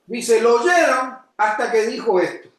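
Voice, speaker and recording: High-voiced preaching man in an echoey church. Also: animated, a little slow. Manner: preaching with sudden shouted emphasis; addresses congregation with questions. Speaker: pastor. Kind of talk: sermon.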